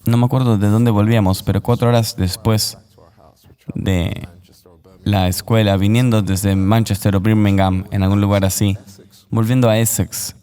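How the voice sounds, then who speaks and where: A man recounting a personal testimony as an interview guest, in an earnest, measured voice-over. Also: lowish voice, flat delivery, mellow, clear, resonant tone, long reverb tail.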